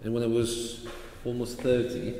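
An Italian man in his thirties, a sword maker, answers interview questions casually in English, his Italian accent tinged with Scottish. He's relaxed, gestures as he talks, and speaks at a medium pitch and moderate pace. A distant camera mic captures him in a large, bare indoor hall, echoey with faint noise.

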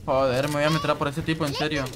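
A man in his twenties with a Mexican accent, chatting casually while streaming a game, greeting viewers in slang, humming and breaking into shouts. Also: fairly high pitch, little pitch movement, very fast, background noise. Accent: Mexican Spanish. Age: 20s. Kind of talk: casual live-stream chat.

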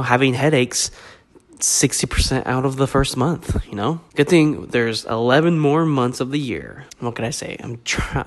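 A young man with a stuffed-up, congested voice from a cold, giving a joking, rambling, self-deprecating casual vlog update. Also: mid-range voice. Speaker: vlogger.

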